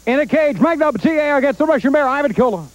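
A man with a high-pitched voice works as a wrestling announcer. He reads out a promo in a scripted presenter's style, speaking into a handheld mic. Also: animated, quick pace, dry recording, highs cut off. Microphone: handheld microphone.

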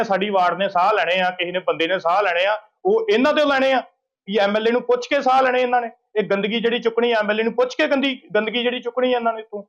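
A local opposition party leader with a high voice complains about politics in a media interview. He sounds emphatic and indignant and keeps circling back over his points. The field recording sounds dull.

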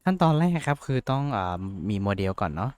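A man's voice: mid-range voice, big pitch swings, fast talker, a little mellow, clear, resonant tone. A young man casually talking through a tutorial, rambling and joking at himself, with lots of fillers. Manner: rambling, self-mocking, chatty with fillers. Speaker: VTuber tutorial host. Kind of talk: casual screen-share tutorial.

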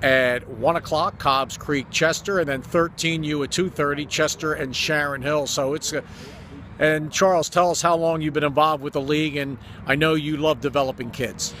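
This promo is ad-libbed by a man in his fifties, an eager, effusive announcer and interviewer standing outdoors by a sports complex. He speaks at a moderate pace with fairly high pitch, fairly even intonation and a fairly bright tone, recorded on an arm's-length phone with background noise.

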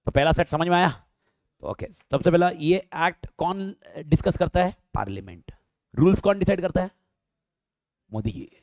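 A man's voice: fairly high pitch, lively intonation, moderate pace, a little mellow, no room sound, clean studio sound. A man teaching law in a live online lecture, asking his students questions and answering them himself, mixing Hindi and English.

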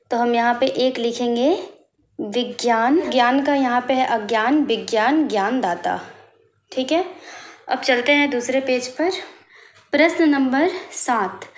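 High-pitched woman teacher going over a worksheet slow and patient, echoey room. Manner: slow, explaining step by step while writing. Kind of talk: worksheet walkthrough lesson.

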